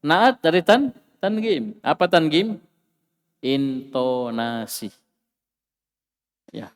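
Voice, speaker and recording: A man with a fairly high voice teaches an Arabic lesson. He quizzes his students and drills key words again and again. His voice rings with a long reverb. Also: lively intonation, moderate pace. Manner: questioning, repeats key words, rising emphasis. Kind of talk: online class teaching.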